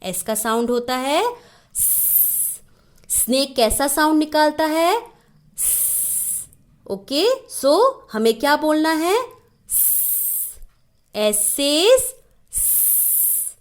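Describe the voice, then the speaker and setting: A woman's voice: sits high, expressive, unhurried, hardly any pauses. A woman teaching phonics to children, sounding out each letter patiently and explaining how to shape the mouth. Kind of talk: slow children's phonics lesson.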